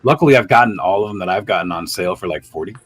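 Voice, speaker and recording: A man's voice: low-pitched, animated, rapid-fire, soft background music. A man in his fifties chatting candidly on a livestream as a guest, talkative and freely swearing. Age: 50s. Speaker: guest collector. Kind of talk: casual chat on a charity livestream.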